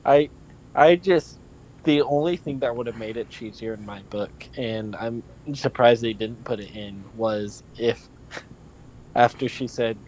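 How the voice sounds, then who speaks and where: A man chatting casually on a stream, rambling with lots of filler and quick agreement. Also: mid-range voice, a little mellow, a little hiss or hum, low-quality recording. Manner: loose, rambling, lots of "like" and backchannel. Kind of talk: casual chat.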